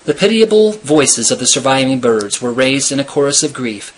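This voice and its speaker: A man reading a chapter of a novel aloud in a steady, measured storytelling manner. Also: mid-range voice, low-quality recording. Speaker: reader.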